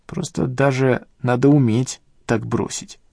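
In a clean, echo-free studio recording, a man with a steady, gravelly, warm voice reads at a measured pace. He voices a grumbling, rueful elderly male professor in an audiobook, complaining and defensive, pitching his voice higher than his own.

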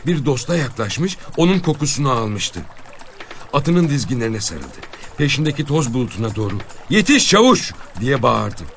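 A man reading a short story aloud in an expressive, dramatic storytelling manner. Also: mid-range voice, moderate pace, slight background noise. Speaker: narrator.

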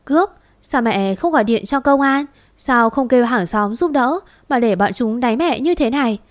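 A woman's voice: on the high side, animated, normal speed, lightly acted. A woman voicing an anguished grown daughter who presses her mother with urgent, reproachful questions, in an audio story.

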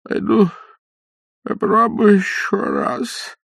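Tearful old fusspot with a toothless lisp and a high, slow wail for a storybook reading. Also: male voice, little pitch movement, vocal fry, a bit bright, slightly rough, no echo, clean studio sound, full character voice. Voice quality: lisping toothless mumble. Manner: wailing, drawn-out pleading. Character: toothless frightened old man, tearful and fussy.

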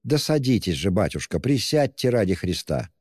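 Male reader doing a sly, fawning older investigator, wheedling and raised in pitch over a low, dark voice; hall reverb. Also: big pitch swings, moderate pace, husky, studio quality. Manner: wheedling, ingratiating, mocking, with fussy endearments.

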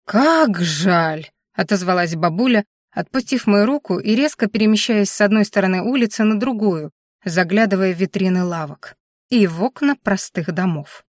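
Woman narrating a lively audiobook. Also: mid-range voice, a little fast, no echo, studio quality. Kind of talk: first-person audiobook narration.

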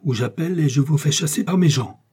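This is an arrogant nobleman from an audiobook, as a male narrator puts him on, pitched somewhat above the reader's voice and loud. His tone is mellow and husky, and his lines are indignant exclamations. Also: expressive, a little fast. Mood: angry. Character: haughty English duke, outraged then dying.

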